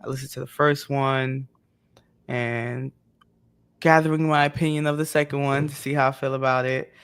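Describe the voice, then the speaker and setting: A man on a roundtable podcast, chatting in a relaxed, easygoing way. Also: medium pitch, moderate pace, smooth. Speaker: podcast co-host. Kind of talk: casual roundtable chat.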